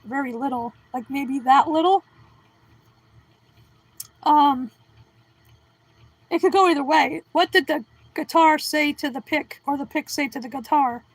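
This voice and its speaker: A woman's voice: high voice, measured pace, pauses often, no room sound, poor audio. A middle-aged woman hosting a casual livestream at home, answering chat and cracking goofy, self-deprecating puns. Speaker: livestream host reading chat.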